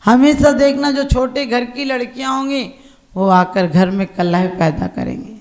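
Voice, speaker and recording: A woman preacher delivers an emphatic sermon and tells a story with proverbs along the way. Her voice is gravelly, and it rings in a roomy, echoing space. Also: a little high, measured pace, darkish tone. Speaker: Jain nun preacher.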